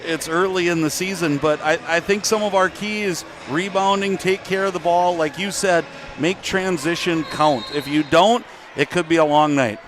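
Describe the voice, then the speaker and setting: A man doing conversational sports analysis as a color commentator, with halting phrasing. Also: fairly high pitch, background noise.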